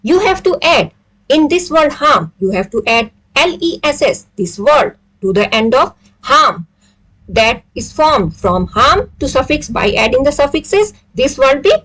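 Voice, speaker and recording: A woman's voice: high-pitched, very animated, drawn-out words, fairly bright tone, low-quality recording. A woman with an Indian accent explaining an English vocabulary exercise to students, mixing Hindi and English and answering her own questions. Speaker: English teacher.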